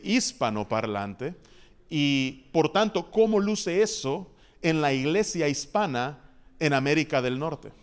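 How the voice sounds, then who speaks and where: Smooth-voiced man emceeing a church conference. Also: a little high. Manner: measured, churchly phrasing with frequent "eh" pauses. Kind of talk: formal introduction speech. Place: conference hall.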